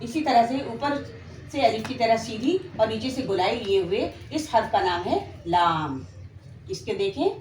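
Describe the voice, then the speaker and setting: Slow patient lady teacher, pakistani urdu accent, echoey room w/ faint hum. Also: fairly high pitch, expressive, darkish tone. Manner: patient, drawn-out letter names for repeating. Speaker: Quran reading teacher. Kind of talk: slow beginner lesson, spelling out letters.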